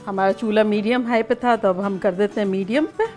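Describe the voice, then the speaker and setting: With a medium-pitched, somewhat dark voice and a steady tone, a cooking show host talks briskly over soft background music. She demonstrates home cooking in a chatty, playful manner, explaining each step and sometimes singing snatches of songs.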